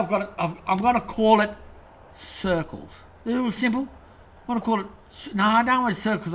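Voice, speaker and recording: Aussie bloke ranting into camera, swears a lot, voice sits high for a guy. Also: sharp tone. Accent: Australian. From Australia. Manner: angry, sweary, rambling. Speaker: host. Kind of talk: profane rant to camera.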